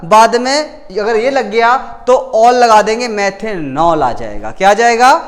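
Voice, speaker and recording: Expressive and unhurried, a man with a high-pitched voice gives a chemistry lesson in casual classroom speech. He frequently catches and fixes his own slips, echoes key words, and answers the questions he puts to the class.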